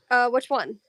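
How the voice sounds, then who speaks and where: A woman's voice: fairly high pitch, lo-fi sound. A young woman chatting casually on a livestream while drawing, giggly and blunt, swearing often.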